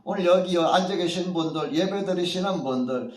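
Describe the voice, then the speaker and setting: A male pastor tells a story from the pulpit with rising and falling drama, voicing the people he quotes. His somewhat high voice carries from a distance through an echoey church hall, with a faint hiss of room noise behind it. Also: normal speed. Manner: storytelling preacher who acts out quoted voices. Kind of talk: sermon. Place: church at a morning prayer meeting.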